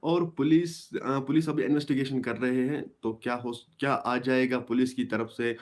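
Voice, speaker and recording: A young man speaks to his viewers on a live stream. His voice sits in an ordinary middle pitch, and he talks haltingly, often restarting and repeating phrases. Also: fairly even intonation. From Kashmir. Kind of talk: casual live stream talk.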